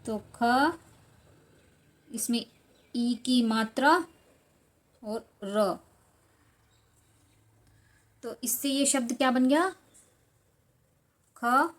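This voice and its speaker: A young adult woman teaching children, slowly spelling words out syllable by syllable in a patient tone. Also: on the high side. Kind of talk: slow, patient lesson for children.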